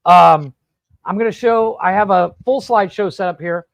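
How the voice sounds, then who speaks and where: Gravelly, high-voiced podcast host. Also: male voice, moderate pace, no room sound, poor audio. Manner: profane, rambling, animated storyteller. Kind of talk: casual storytelling chat. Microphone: podcast studio mic.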